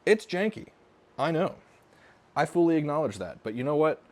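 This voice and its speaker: A man's voice: on the high side, sing-song, moderate pace, darkish tone. A man hosting a casual car repair vlog, chatty and upbeat, talking straight to his viewers. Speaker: car channel host.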